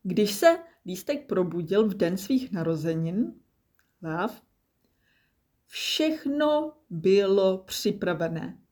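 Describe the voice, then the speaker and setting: A woman narrating a children's animal story in a calm, measured reading voice. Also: medium pitch.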